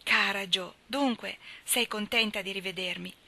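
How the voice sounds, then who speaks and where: A playful, mischievous young man, voiced by a woman reading a novel aloud. He jokes in a jaunty way, and the tone stays bright. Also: mid-range voice, normal speed, creaky. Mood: delighted. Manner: jaunty, joking.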